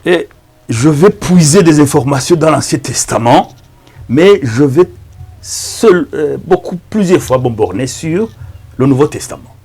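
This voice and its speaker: A Rwandan pastor and evangelist whose mother tongue is Kinyarwanda gives a preaching introduction to camera. His fairly high, husky voice has very lively intonation. He delivers it emphatically and haltingly, repeating words.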